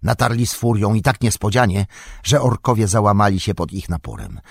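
A man narrating a fantasy novel in a measured, dramatic reading. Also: fairly low pitch, lively intonation, vocal fry, husky, no echo, clean studio sound. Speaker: audiobook narrator.

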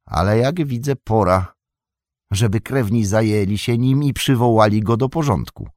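A man voicing a calm, wry male hobbit in an audiobook, speaking in a dry, measured way. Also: on the low side, no room sound, pitched above the performer's own voice, lightly acted.

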